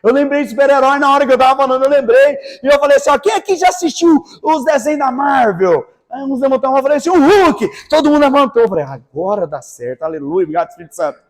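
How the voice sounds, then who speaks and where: High-voiced preacher, loud and soft by turns. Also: male voice, quick pace, few pauses. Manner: swings between hushed asides and shouted exclamations. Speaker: pastor. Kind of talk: lively evangelical sermon. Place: church.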